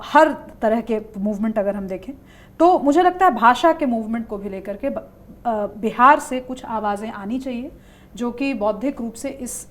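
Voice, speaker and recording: A woman political analyst speaking thoughtfully on a panel, pausing often with fillers. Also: a little high. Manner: thoughtful, hesitant, with many fillers. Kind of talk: panel discussion.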